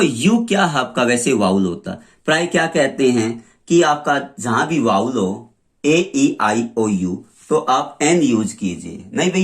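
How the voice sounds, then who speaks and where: Male tutor, unhurried and deliberate, drilling examples one at a time in a lesson. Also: a little high. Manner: slow, repeats examples and sounds them out. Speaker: English grammar teacher. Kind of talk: classroom lesson explaining articles.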